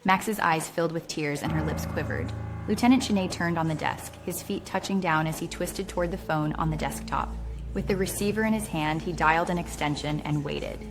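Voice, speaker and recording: A woman reading a thriller aloud as audiobook narrator, in steady storytelling narration over music. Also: low-pitched, fairly quick. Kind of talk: scripted narration.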